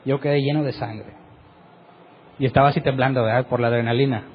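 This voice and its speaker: His mid-range voice stays steady and moves fairly quickly, though the high frequencies are cut off and there's slight background noise. He's a middle-aged pastor giving a sermon testimony, telling a personal story vividly and often closing sentences with a question.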